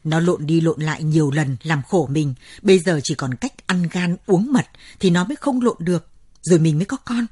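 A woman's voice: deep voice, normal speed, breathy edge. A woman voicing a grim, cold old village man. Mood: cold resolve. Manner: flat and hard, spoken through the teeth.

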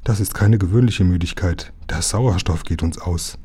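A man reading a children's book aloud, voicing a calm, sturdy engine driver who talks low and gruff. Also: moderate pace.

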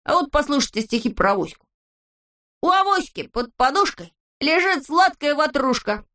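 A woman voicing a boastful, carefree little male character in a children's storybook, in a high childish voice that stays cheerful and unbothered. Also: very animated, moderate pace, sharp tone, full character voice.

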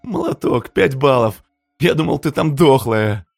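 A man's voice: medium pitch, lively intonation, a little slow, gravelly, no echo, soft background music, pitched above the performer's own voice. A man voicing an angry, cynical young man who snaps at others. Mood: laughing. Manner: sullen, snapping.

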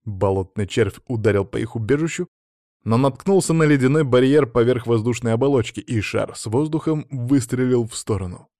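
A man reading fantasy-adventure narration in a steady, even storytelling manner. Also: medium pitch, a little fast, no room sound, clean studio sound. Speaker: audiobook narrator. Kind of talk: scripted narration.

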